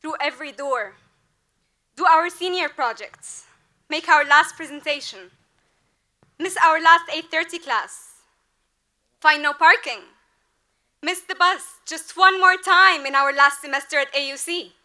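A woman's voice: high-pitched, a little slow, pauses often, sharp tone. A young woman in her twenties, the graduating class representative, delivering an earnest, rhetorical commencement speech at a podium mic during a large outdoor ceremony. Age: 20s. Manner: earnest, rhetorical, building to emphatic peaks.

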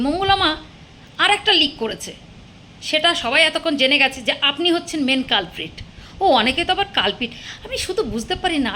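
Woman ranting at the camera, high sharp voice, taunting and sarcastic. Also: a little hiss or hum. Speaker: vlogger. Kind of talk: angry rant to camera.

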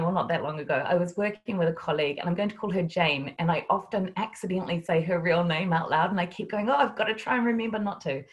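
Nz woman on a zoom call, lowish voice, chatty and self-deprecating. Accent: New Zealand. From New Zealand. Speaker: guest speaker. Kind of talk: webinar talk. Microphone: video call.

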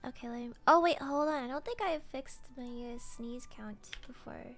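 A woman's voice: high voice, normal speed, soft background music. A woman streamer chatting casually with her viewers, tired and yawning, hesitant with lots of fillers and giggles. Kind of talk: casual chat with live chat.

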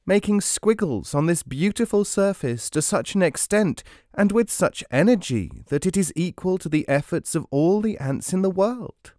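A man voicing a tiny, excitable male ant who gushes with awe in a storybook reading. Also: high-pitched, dry recording, clean studio sound, pitched above the performer's own voice. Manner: gushing, awed exclamations.

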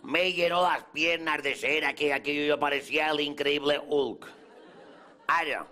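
A man with a Mallorcan Spanish accent does stand-up in a café before a live audience, playing a boastful self-styled latin lover. His fairly high voice is pushed and bright, with fairly even intonation and a moderate pace. A faint crowd and audience laughter are audible.

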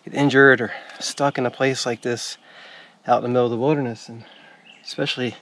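A man hosting a hiking vlog, narrating calmly and steadily as he explores woods and caves outdoors. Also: mid-range voice, fairly quick, a little hiss or hum. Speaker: hiking vlogger. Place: outdoors in a forest.

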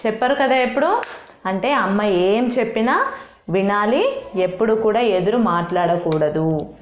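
A woman teacher with a Telugu accent giving a primary school lesson, reading sentences aloud slowly and asking the children many questions. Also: mid-range voice, animated, slight background noise. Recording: echoey room.

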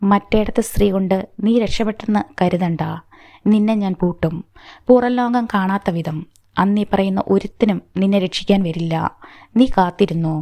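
A woman's voice: medium pitch, fairly even intonation, normal speed, warm tone, no echo, natural voice. A woman reading an arrogant, menacing cop. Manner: menacing, taunting. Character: threatening male police officer, arrogant.

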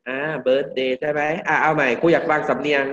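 A male English teacher from Thailand giving a classroom pronunciation lesson, drilling words slowly and repeating each one for the class. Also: on the high side, level tone, a bit bright, slight background noise. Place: classroom with students. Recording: dull lo-fi classroom recording.

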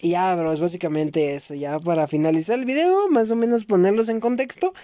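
A young man with a Mexican accent, chatting casually with his viewers while he plays, slangy and swearing, with sudden loud outbursts at the game. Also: high voice, a little fast, no room sound. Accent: Mexican Spanish. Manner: slangy and swearing, keeps saying bros. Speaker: gaming YouTuber. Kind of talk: casual gameplay commentary vlog.

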